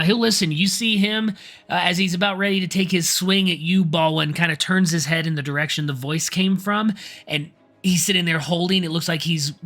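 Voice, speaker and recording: Man, dungeon master, bright tense voice, faint music behind. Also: fairly high pitch. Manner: descriptive, reads rules aloud. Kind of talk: narrating a tabletop game.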